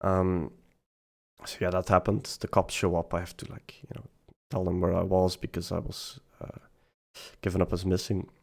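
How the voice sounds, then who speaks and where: Low gravelly young man, halting confession. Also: little pitch movement, a little mellow. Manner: halting, repeats words, tearful at times. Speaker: vlogger. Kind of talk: unscripted personal confession.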